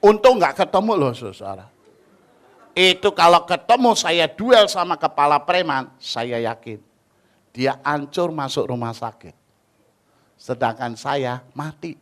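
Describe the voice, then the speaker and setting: An Indonesian-accented man preaching in a bright, forceful voice that sits a little high. He tells stories animatedly, swinging from shouted peaks down to quiet asides. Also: expressive, measured pace. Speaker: pastor. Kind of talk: sermon. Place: church hall.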